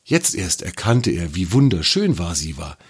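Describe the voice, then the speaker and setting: A man narrating a children's story in an expressive, lively reading voice. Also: low voice, normal speed, breathy edge.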